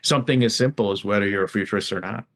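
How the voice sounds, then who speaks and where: A middle-aged man from Guyana, a tech futurist guest in an interview, talking in a relaxed way with many fillers. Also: fairly low pitch, very fast. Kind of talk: conversational interview.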